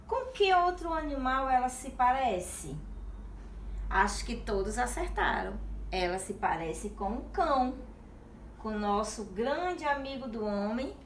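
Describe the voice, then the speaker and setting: Slow, lively Brazilian woman teacher. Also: on the high side, slight background noise. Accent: Brazilian Portuguese. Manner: affectionate, talks to children and spells syllables slowly. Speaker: primary school teacher. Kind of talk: video lesson for young children. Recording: echoey room recording.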